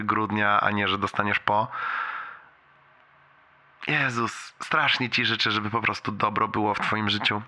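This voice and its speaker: A man's voice: on the low side, bright, forceful tone. A man leaving a long, rambling voicemail for a friend, self-deprecating and full of restarts.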